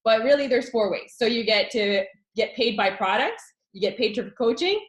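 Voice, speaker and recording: A network marketing consultant with a fairly high voice pitches her business at a normal speed, her excited chatter packed with fillers and little asides. The enthusiastic talk echoes around a roomy, reverberant space.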